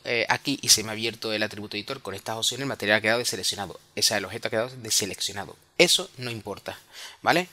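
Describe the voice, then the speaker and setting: A man from Spain with a Spanish accent, explaining software step by step in a screen-recorded tutorial, often correcting himself and checking in with tag questions. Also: medium pitch.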